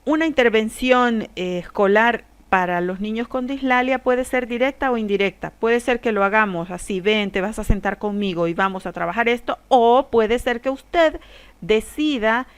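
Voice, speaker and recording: A woman teacher giving a recorded lesson, explaining carefully and slowing down to demonstrate sounds. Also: on the high side, clear, resonant tone. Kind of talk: recorded lesson on speech disorders.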